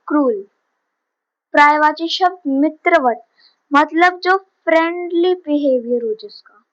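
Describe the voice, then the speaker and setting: A woman's voice: high voice, a bit bright, muffled recording. A woman teacher giving a vocabulary lesson, patiently explaining each word and switching between Hindi and English.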